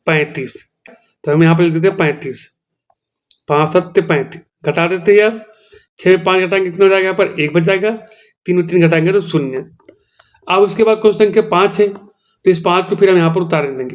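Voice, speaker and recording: A male teacher with a Chhattisgarhi-tinged Hindi accent, explaining a maths lesson step by step and often checking in with his students. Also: sits high. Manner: explains step by step, repeats "theek hai doston".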